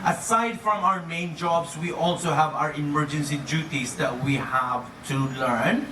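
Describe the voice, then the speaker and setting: Upbeat cruise director, higher-pitched man, echoey room. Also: a little slow. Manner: chuckles often at own jokes. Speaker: cruise director presenting to guests. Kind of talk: comedic live presentation to an audience. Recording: echoey noisy room, distant mic.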